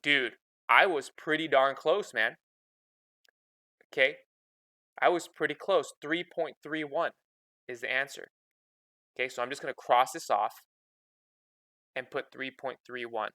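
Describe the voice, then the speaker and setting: A man's voice: mid-range voice, measured pace, pauses often, pushed and bright, no room sound. A man teaching a math lesson in a casual, chatty way, checking in with "okay?" after nearly every step. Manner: repeats "okay?" constantly, chatty and informal.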